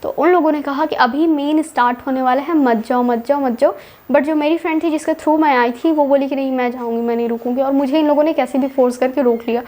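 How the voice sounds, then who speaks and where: A young woman with a high voice tells her own story in a casual, chatty vlog. She talks in loose, repeating phrases and drops English words in as she goes. An indignant edge runs through her telling. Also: fairly even intonation, fast talker, hardly any pauses, darkish tone. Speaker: vlogger.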